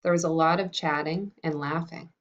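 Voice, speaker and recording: A woman teacher reads a picture book aloud to her class in a friendly, unhurried way, with a few fillers when she talks. Her voice sits a bit low, and the recording is dull and lo-fi. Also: fairly even intonation.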